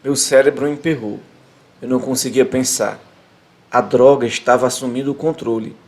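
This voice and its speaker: A man's voice: medium pitch, fairly even intonation, normal speed, a little mellow. A man hosting a podcast, reading a novel aloud in a casual way with small slips, then chatting about the book.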